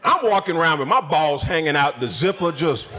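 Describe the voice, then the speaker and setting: A high-voiced man rants through a profane stand-up comedy set. He mocks locals with sudden shouted voices. Faint room ambience hums under the club mic. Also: animated, a little fast, big-room sound, a little hiss or hum. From Spokane area resident since 2001.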